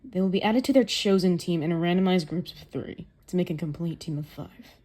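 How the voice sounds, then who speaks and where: A woman's voice: lowish voice, fairly quick, dark tone, close to an everyday voice. Woman doing a cold commanding male coach. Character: stern scheming male football coach. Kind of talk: dramatic manga reading.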